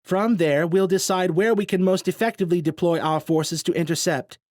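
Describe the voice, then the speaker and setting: A man's voice: sits high, fairly even intonation, a little mellow, dry recording, studio quality, pitched above the performer's own voice, close to an everyday voice. A man voicing a businesslike male commander laying out a plan. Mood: determined. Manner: brisk, planning. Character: businesslike male resistance commander giving orders.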